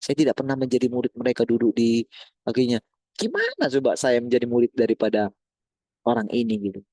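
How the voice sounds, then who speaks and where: A man preaching a sermon, calling the listeners brothers and sisters and asking them one rhetorical question after another, swinging between loud and soft. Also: medium pitch, expressive, fairly quick, no echo.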